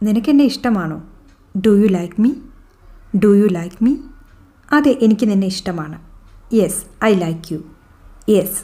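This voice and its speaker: Slow, mellow-voiced woman teaching English phrases. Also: mid-range voice. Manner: slow, deliberate, repeats each English sentence twice. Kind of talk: bilingual phrase drill lesson.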